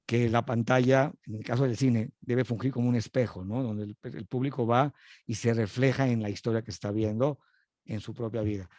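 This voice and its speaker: Man, Mexican accent, filmmaker guest, reflective, tag questions, mellow tone, dry recording. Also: medium pitch, no room sound. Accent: Mexican Spanish. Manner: reflective, ends phrases with "¿no?". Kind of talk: casual panel discussion.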